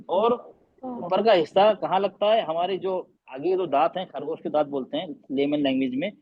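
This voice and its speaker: A man teaching an online recitation class on a video call, sounding out letters again and again and quizzing his students. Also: a little high. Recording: dull lo-fi online call audio.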